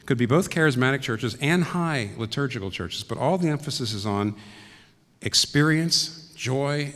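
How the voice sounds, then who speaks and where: A man, a pastor, giving a reflective teaching talk and clearing his throat now and then. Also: mid-range voice, long reverb tail.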